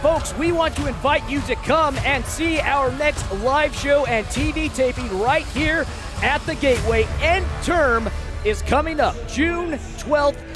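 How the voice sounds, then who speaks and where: A man giving live wrestling commentary as a booming, pumped-up announcer who often shouts. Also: unhurried. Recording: loud crowd and music behind. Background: cheering crowd, music, ring slams.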